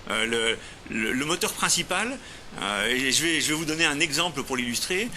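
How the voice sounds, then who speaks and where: A man's voice: medium pitch, lively intonation, moderate pace, pushed and bright, slight background noise. A man from Lyon, France, founder of a robotics company, answering TV interview questions in an explanatory way, with frequent hesitations and restarts.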